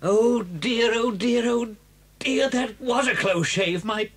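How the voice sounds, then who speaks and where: Fretful Fox. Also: male voice, extremely high pitch, slow pace, a bit bright, breathy edge, exaggerated voice. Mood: mournful, fretful. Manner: fretful, melodramatic. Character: anxious, self-pitying father fox, a theatrical fusser. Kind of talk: children's audio drama acting.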